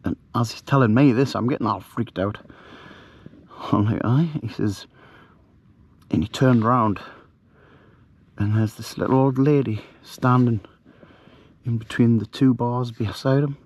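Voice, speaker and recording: Hushed man telling a ghost story. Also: mid-range voice, unhurried, long pauses, breathy edge. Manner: hushed, rambling, with many fillers. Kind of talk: casual storytelling to camera. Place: outdoors at night, camping.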